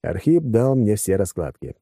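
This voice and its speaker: Male audiobook reader, deep dark tone, dry close sound, wry. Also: big pitch swings, normal speed, gravelly, breathy edge, no room sound. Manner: wry, conversational. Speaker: audiobook narrator. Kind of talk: first-person audiobook narration.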